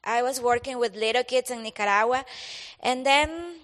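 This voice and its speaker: A woman's voice: fairly high pitch, normal speed, fairly bright tone. A Salvadoran woman, a native Spanish speaker, introducing herself as a missionary to a congregation, shy and giggly. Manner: shy, giggly, laughs between phrases. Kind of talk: church missions presentation. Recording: echoey hall with long reverb.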